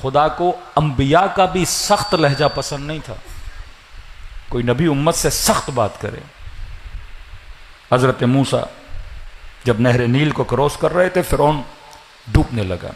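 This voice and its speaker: A man preaching a mourning-gathering sermon, telling stories dramatically with rising pitch and shouted emphasis. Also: long pauses, slight background noise. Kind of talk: Muharram majlis sermon.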